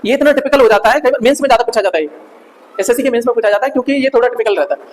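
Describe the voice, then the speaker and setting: A man's voice: very high voice, racing, in a large hall, rough recording. A male teacher giving a chatty grammar lesson, quizzing and joking with his students in a classroom.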